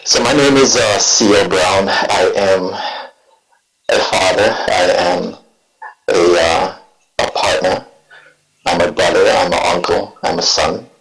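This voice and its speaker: A man in his forties from Jamaica, speaking with a Jamaican accent, telling his story as a guest poet in a reflective, halting way. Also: deep voice, steady tone, a bit bright. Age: 40s. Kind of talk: relaxed interview talk. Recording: echoey room.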